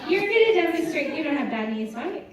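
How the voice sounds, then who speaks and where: A woman's voice: sits high, very animated, fairly quick. A woman presenting a live health seminar, cheering volunteers on and counting down exercises with lots of energy. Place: large room with audience. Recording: echoey hall, far-off mic, music and crowd.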